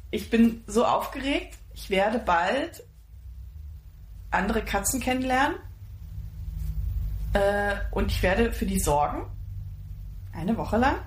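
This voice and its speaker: Excitable woman podcast co-host, gushing, casual chat, roomy sound. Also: medium pitch. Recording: echoey room.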